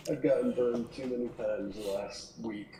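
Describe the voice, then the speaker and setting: A man's voice: medium pitch, fairly even intonation, unhurried, a loud crowd. A man chatting casually over voice chat about a game, his voice bouncing around an echoey, bathroom-like office. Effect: echoey, bathroom-like room sound. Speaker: fellow gamer on a livestream. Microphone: voice chat mic, played through speakers.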